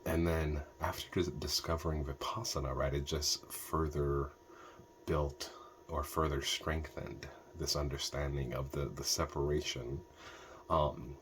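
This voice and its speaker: Very deep-voiced reflective man. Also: a little hiss or hum. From Ethiopia. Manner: thoughtful, hesitant, many fillers and restarts. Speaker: meditation teacher. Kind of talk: reflective talk.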